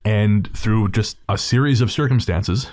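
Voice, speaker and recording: A podcast host with a lowish, slightly mellow voice speaks a little slowly as he casually introduces an episode. He addresses listeners in an informal, slang-heavy way.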